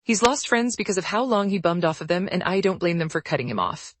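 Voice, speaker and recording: A woman narrating forum posts aloud in a brisk, even storytelling read. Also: on the low side, no room sound.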